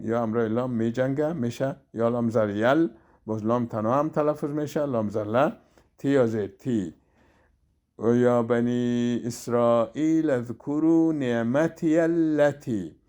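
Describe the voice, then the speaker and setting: A man teaches Quran reading at a middle pitch. He names each letter and its vowel mark one by one, then slowly joins them into the whole word. His delivery is a patient spelling drill. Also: a little mellow. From Afghanistan. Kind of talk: spelled-out recitation lesson.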